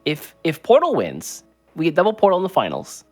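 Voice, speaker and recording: Over soft background music, a male esports co-caster calls a card game live, laid-back and joking through the banter. His fairly high voice swoops wildly in pitch and runs a little fast.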